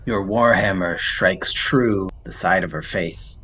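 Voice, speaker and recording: A man's voice: deep voice, slow, pushed and bright, a little hiss or hum. A man acting as game master, refereeing and narrating a tabletop game.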